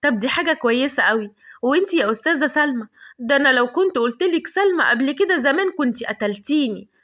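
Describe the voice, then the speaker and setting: Brief: woman voicing a playful, mocking young Egyptian woman, high and quick. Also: lively intonation, fairly bright tone. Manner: mocking, teasing.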